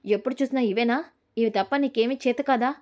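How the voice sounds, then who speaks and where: A woman puts on a sharp-tongued mother-in-law from a family drama, high-voiced and quick to anger. She scolds and shouts at the younger women of the house in a storyteller's retelling. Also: lightly acted. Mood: nagging.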